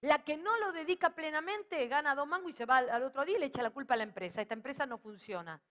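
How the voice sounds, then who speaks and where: A woman's voice: sits high, expressive, fast talker, fairly bright tone. A middle-aged woman with an Argentine accent preaching a sermon and rousing the congregation to call back. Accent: Rioplatense Spanish. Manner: rousing, calls out to the audience.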